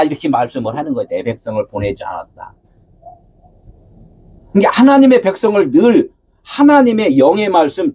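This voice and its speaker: A husky-voiced man preaches a sermon in a high, restless voice. His pitch swings up and down as he fires questions at his listeners and answers them himself. At times he lifts his voice to a preacher's shout. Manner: asks the congregation rhetorical questions and answers them. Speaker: pastor.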